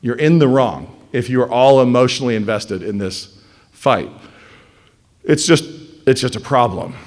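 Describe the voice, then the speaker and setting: A man giving a blunt, animated lecture to a live class, sometimes mocking the voices of others. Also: mid-range voice. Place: classroom or hall with audience.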